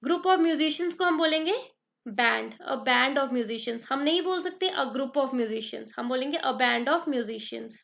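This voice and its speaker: Woman tutor, high voice, dictates examples slowly, quizzes the class. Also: expressive, vocal fry, a bit bright. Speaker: exam prep teacher. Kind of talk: grammar lesson in Hindi-English mix.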